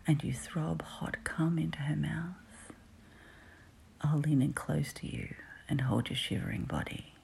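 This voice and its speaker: A woman's voice: sits low, vocal fry, darkish tone. A woman whispering an intimate adult roleplay close to the listener's ear, ASMR style. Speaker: audio roleplay performer.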